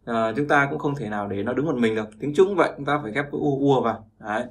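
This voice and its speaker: A man's voice: mid-range voice, quick pace. A man teaching pronunciation, repeating sounds and often checking that listeners follow. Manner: repetitive, keeps checking with listeners. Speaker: language teacher. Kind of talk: explaining pronunciation lesson.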